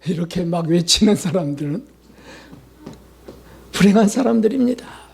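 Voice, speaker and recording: A man's voice: high voice, lively intonation, moderate pace, gravelly, a little mellow, a little hiss or hum. A man preaching a sermon as pastor, acting out prayers and asking the congregation rhetorical questions. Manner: preaching with acted-out prayers and quotes.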